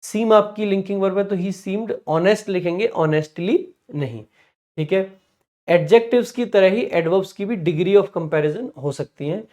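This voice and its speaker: Slightly high-voiced teacher. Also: male voice, darkish tone. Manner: explanatory, frequent "ठीक है" check-ins, reads example lists slowly. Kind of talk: grammar revision lecture.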